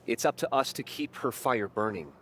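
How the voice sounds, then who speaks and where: A man's voice: mid-range voice, lively intonation, normal speed, fairly bright tone, slight background noise, close to an everyday voice. Guy voicing a stuck-up lit professor in a game, lecturing, smug and lofty. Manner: lofty, lecturing, self-important. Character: pompous middle-aged male literature professor. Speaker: college literature professor. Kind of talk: video game voice acting.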